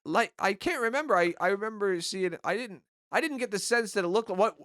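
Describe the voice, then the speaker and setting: A man co-hosting a comedy podcast, chatting casually with deadpan, dry comebacks. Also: high voice, brisk, no echo. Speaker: podcast co-host.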